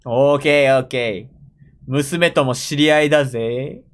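At a medium pitch and a little slow, a young man from Japan gives casual reaction commentary while watching anime. He mutters to himself with frequent exclamations, seated in a gaming chair in his room and recorded on a desk mic.

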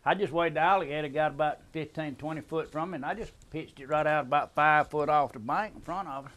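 A man's voice: fairly high pitch, fast, fairly bright tone, highs cut off. An older man with a Southern US accent, rambling through a folksy family tale and chuckling along the way. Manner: drawling, rambling, chuckles at his own tale. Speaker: storyteller.

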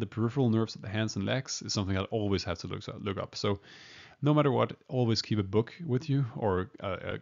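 Gravelly low-voiced man lecturing. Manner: hesitant, many fillers and restarts, chuckles at himself. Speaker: emergency medicine lecturer. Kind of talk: informal medical lecture. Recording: dull lo-fi recording.

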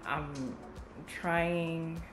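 A woman's voice: low-pitched, steady tone, very slow, faint music behind. Chatty woman vlogging from an echoey kitchen. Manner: chatty and informal, talks straight to viewers. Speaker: cooking vlogger. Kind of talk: casual cook-with-me chat. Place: home kitchen, indoors. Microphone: camera mic close up, handheld or on counter.

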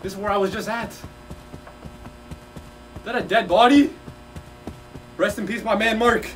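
Unhurried and high-pitched, a young streamer from Mexico plays a VR horror game, cursing, throwing slangy trash talk, and letting out yelps at every scare. His audio is distant-sounding, marked by a clear hum and background noise.

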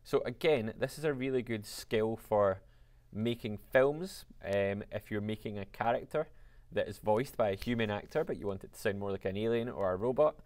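A man teaching a music technology lesson, explaining software steps in an upbeat, chatty way. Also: lowish voice, normal speed.

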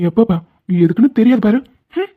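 A woman's voice: a little high, animated, fairly quick. Woman voicing a flirty cartoon husband, tinny. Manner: flirtatious, defensive explaining. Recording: tinny phone-like sound.

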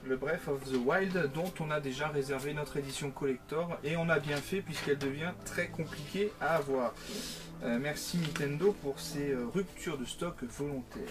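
A man's voice: fairly high pitch, normal speed. A man, chatting casually to camera as a teasing, talkative storyteller. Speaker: co-host of a video game collecting vlog. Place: small game-collection room indoors.

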